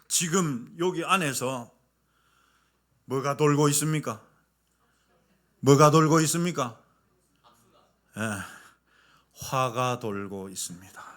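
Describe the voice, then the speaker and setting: A male pastor preaching a sermon with humorous stories, animated and questioning the congregation. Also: a little high.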